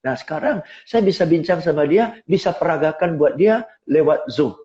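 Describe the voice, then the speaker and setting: A middle-aged man coaching on sales in a live online talk, lively and rhetorical, often asking listeners to agree. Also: on the high side, normal speed, muffled recording. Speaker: seminar speaker and sales coach. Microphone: phone on a tripod.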